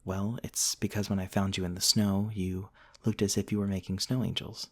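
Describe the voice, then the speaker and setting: With tender hesitance and old-fashioned courtesy, a man performs a centuries-old, gentle and courtly vampire prince for a soft, intimate ASMR roleplay. His voice sits low with little pitch movement at a normal speed, and he sounds tender and shy.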